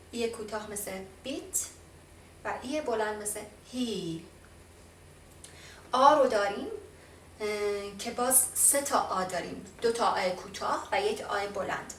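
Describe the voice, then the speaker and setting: A woman from Iran gives a casual lesson on pronunciation, slowing down to model each English sound. Her voice is a little off the mic in a roomy space. A faint ambience runs behind her. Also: on the high side, a bit bright, far from the mic, slight background noise. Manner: explains by modelling sounds slowly, with fillers. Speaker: language teacher.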